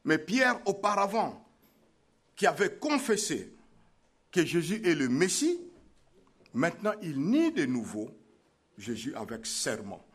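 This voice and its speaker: Slow, husky male preacher. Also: a little high, wildly swooping pitch, a bit bright. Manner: emphatic, repeats key phrases. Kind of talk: sermon.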